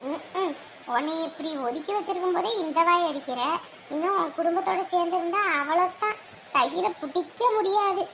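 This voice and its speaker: An actress playing a sharp-tongued, gossiping older woman, taunting and sarcastic. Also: very high-pitched, normal speed, a little hiss or hum. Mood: mocking. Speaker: mocking older relative. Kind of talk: village family drama acting.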